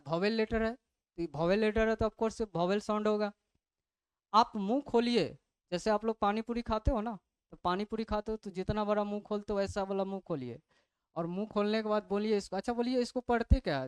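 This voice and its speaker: A teacher records an online grammar class close to the mic, with a smooth, clear voice in a dry, deadened space. The teacher keeps throwing quiz questions at the students and then answers them. Each point ends with a quick check that the class has followed. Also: medium pitch, no echo. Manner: repeats a check-in phrase meaning "got it?".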